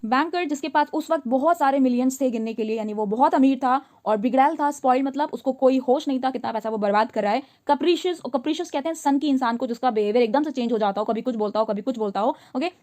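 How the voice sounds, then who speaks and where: A woman teacher explaining a story line by line. She reads each English line slowly, then explains it in chatty Hindi and asks her listeners questions. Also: high voice, darkish tone.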